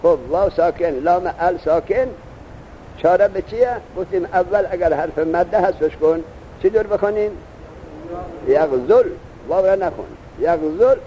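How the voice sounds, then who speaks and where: A man's voice: sits high, dark tone, muffled recording, slight background noise. A man teaching a grammar lesson, explaining step by step and asking his students questions.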